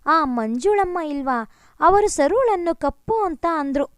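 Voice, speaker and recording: Little girl, tattletale, high-pitched, dry close voice, woman narrator doing it. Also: expressive, measured pace, no echo. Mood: childish.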